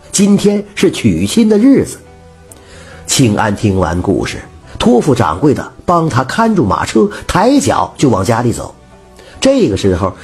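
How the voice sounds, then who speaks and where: Husky male folk storyteller. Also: medium pitch. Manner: animated, acts out characters, rhythmic verse ending. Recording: faint background music.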